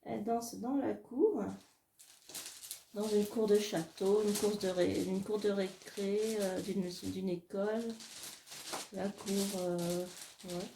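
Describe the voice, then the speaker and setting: A woman from France thinking aloud in a casual solo video, soft-spoken and hesitant, laughing often as she draws cards and dice. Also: medium pitch, little pitch movement, slow pace, echoey room, noisy background. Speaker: illustrator doing card and dice draws.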